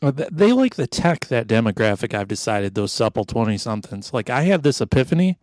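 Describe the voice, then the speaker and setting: A man's voice: mid-range voice, big pitch swings, a little fast, darkish tone, dry recording. A middle-aged man hosting an improv comedy podcast, rambling along in a jokey, mock-sentimental way. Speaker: podcast host.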